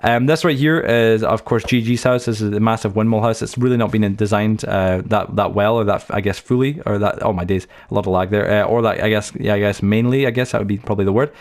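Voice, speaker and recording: Fast-talking, low-voiced gaming host. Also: male voice. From United Kingdom. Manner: chatty, anecdotal, many fillers and restarts. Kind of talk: rambling let's-play tour commentary.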